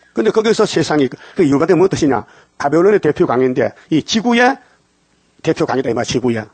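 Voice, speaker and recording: A man's voice: fairly high pitch, slightly rough, no echo. An older man preaching a dawn sermon, firing questions at the congregation and answering them himself. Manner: call-and-response questions to the congregation.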